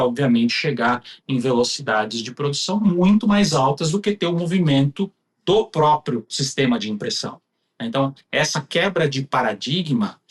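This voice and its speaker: Slightly high-voiced Brazilian man explaining. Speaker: equipment specialist guest. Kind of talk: technical explanation in conversation.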